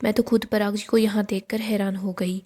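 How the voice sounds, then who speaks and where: A woman's voice: medium pitch, level tone, a little fast, dark tone, natural voice. A woman voicing a wronged, honest middle-aged woman who pleads earnestly in a story recap. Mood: pleading.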